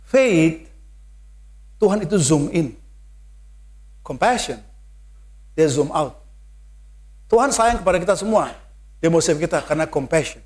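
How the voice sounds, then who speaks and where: A man preaches with an Indonesian accent, his voice sitting high for a man. He slips English phrases into his sermon. He builds to loud, emphatic calls, and the sermon is given in a church.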